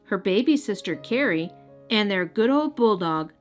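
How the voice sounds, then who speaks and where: Speaking straight to young listeners, a female host reads a storybook aloud at normal speed in an expressive, medium-pitched voice, with music playing behind her.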